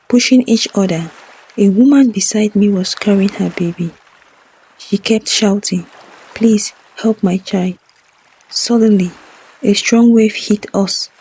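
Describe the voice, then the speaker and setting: Slow, very husky woman storyteller. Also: medium pitch, warm tone. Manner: solemn, measured. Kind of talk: scripted first-person story narration.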